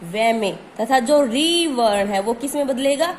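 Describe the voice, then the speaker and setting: Here a woman's voice, on the high side with lively intonation, moves a little slowly through a grammar lesson. She stretches out important words and asks questions only to answer them herself, and there's slight hiss or hum in the audio.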